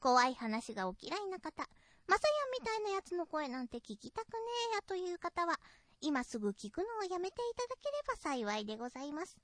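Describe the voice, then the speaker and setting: A woman's voice: high-pitched, big pitch swings, brisk, fairly bright tone, dry recording. A woman reading a scripted radio show introduction in polite, formal phrasing. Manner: polite formal phrasing with tongue-in-cheek disclaimers.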